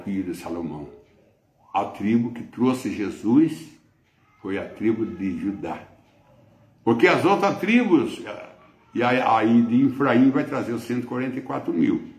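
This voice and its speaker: A Brazilian-accented man preaches a sermon with slow, deliberate pacing. His pitch rises and falls widely as he drives points home through repetition. The sound carries a noticeable echo from a church hall. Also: a little mellow. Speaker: pastor.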